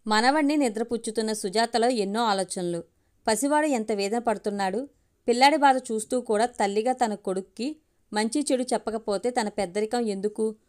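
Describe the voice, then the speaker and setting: Clear-voiced woman narrating a story. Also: fairly high pitch, normal speed, darkish tone.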